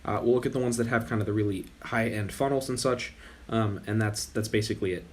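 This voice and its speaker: A young man hosts his gaming channel, casually commenting over gameplay even as he loses his voice. He talks at a quick pace in a lowish register, relaxed and rambling, often stopping to correct himself.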